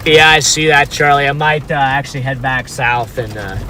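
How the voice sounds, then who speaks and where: A man's voice: mid-range voice, moderate pace, sharp tone. A man giving casual, informal livestream commentary as a storm chaser, talking to his chat from inside a car. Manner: informal, talks to chat while watching storm. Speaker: storm chaser live streamer. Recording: noisy car with outdoor ambience.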